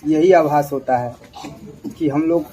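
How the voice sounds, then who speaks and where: A man's voice: a little high, a little slow, mellow, slight background noise, poor audio. A man giving a reporter a formal, indignant statement. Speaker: villager interviewed. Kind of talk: interview statement.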